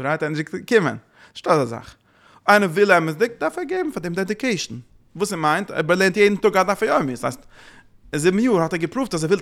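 Fast-talking man giving religious teaching. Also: fairly high pitch. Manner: lively, mixes Yiddish and English into his talk.

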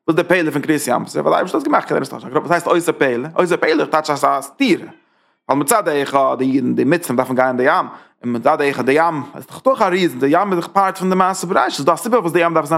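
A man's voice: a little high, vocal fry, a bit bright. A man teaching a Torah class as a rabbi, driving his points with rhetorical questions and emphatic repetition. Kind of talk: Torah lecture.

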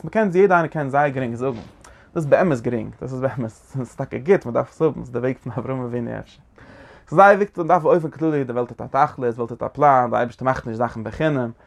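A man teaching a lecture on a religious text, talking in halting phrases that he often repeats and restarts. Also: mid-range voice.

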